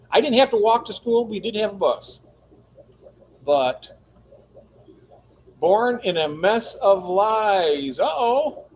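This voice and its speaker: A man's voice: high voice, a little hiss or hum, poor audio. A man co-hosting a casual livestream, joking around, laughing often and reading chat comments aloud. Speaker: livestream co-host.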